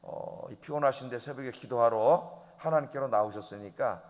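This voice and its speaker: A man's voice: medium pitch, moderate pace, darkish tone, big-room sound. A male pastor preaching an early-morning sermon, emphatic and often asking the congregation questions. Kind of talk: dawn service sermon. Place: church sanctuary.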